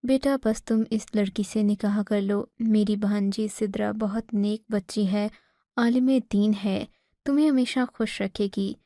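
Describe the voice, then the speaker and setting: A woman's voice: medium pitch, fairly even intonation, mellow, no room sound, studio quality, lightly acted. A woman voicing a tearful older mother who begs her son, in an imploring tone. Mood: pleading. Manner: begging, imploring.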